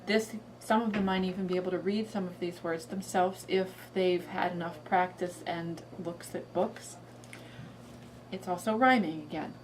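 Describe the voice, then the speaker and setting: A woman's voice: fairly low pitch, steady tone, moderate pace, a little hiss or hum, rough recording. A woman giving an informal explanatory talk to parents as a children's librarian.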